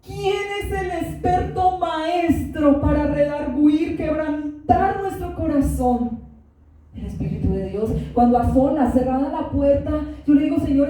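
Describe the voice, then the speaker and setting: A woman's voice: a little high, dark tone, distant mic. A woman pastor preaching a sermon, giving testimony and asking the congregation questions. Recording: very echoey room, voice from afar.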